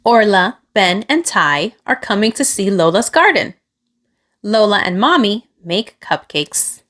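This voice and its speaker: A woman with a medium-pitched voice reads a children's picture book aloud, using expressive, deliberate phrasing aimed at young listeners.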